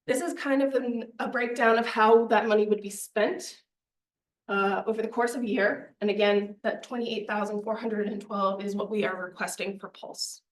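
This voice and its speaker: A woman's voice: mid-range voice, fairly even intonation, normal speed. A young woman presenting a student media budget to a committee, earnest and persuasive, a little out of breath. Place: meeting room. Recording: echoey meeting room.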